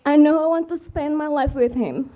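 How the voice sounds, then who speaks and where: A woman with a high, mellow voice speaks at normal speed. She is a widow giving a eulogy at a memorial, heartfelt, earnest and tender as she addresses a room full of mourners.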